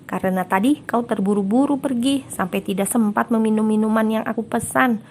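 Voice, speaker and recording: A woman's voice: a little high, fairly even intonation, fairly quick. A woman voicing a polite young man. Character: friendly young man on the phone.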